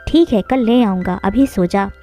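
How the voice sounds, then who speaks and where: A woman's voice: mid-range voice, moderate pace, warm tone, soft background music, lightly acted. A woman voicing a stern, short-tempered village father who talks bluntly. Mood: firm. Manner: scolding, blunt.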